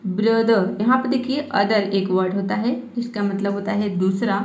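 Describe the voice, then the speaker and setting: A woman's voice: mid-range voice, fairly even intonation, moderate pace, darkish tone. A woman teaching English reading and spelling rules in Hindi, patiently repeating each point and checking with her viewers. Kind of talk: explaining spelling and pronunciation rules. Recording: echoey room.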